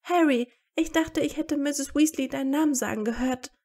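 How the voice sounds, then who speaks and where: A woman doing a shrill, excitable teen witch. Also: moderate pace, close to an everyday voice. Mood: shrill, astonished. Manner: shrill and exclaiming. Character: excitable, bossy teenage girl witch.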